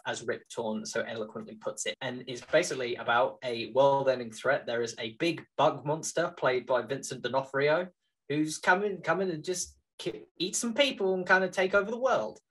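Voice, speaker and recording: A young man in his twenties co-hosting a film podcast, enthusiastically and sincerely pitching a movie. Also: fairly bright tone, poor audio. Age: 20s. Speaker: podcast co-host. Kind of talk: casual film-review chat.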